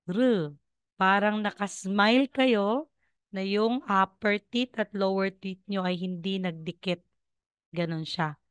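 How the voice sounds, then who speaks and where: A woman's voice: medium pitch, steady tone, takes it slowly, clean tone, no room sound. A woman from the Philippines teaching Korean over a video call, patiently coaching students and repeating sounds. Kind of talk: online class teaching.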